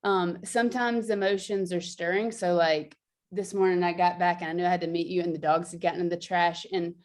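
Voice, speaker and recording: A woman's voice: lowish voice, fairly even intonation, fairly quick. A woman explaining a movement practice in casual chat, talking loosely with frequent fillers and laughs. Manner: chatty, laughs often, many fillers. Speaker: guest teacher.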